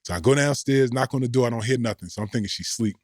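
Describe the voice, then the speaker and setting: A man's voice: medium pitch, fast talker, a little mellow, dry recording, studio quality. A middle-aged man, a former pro basketball player, telling slangy, rambling stories as a podcast guest. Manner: laid-back, slangy, rambling. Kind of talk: casual storytelling.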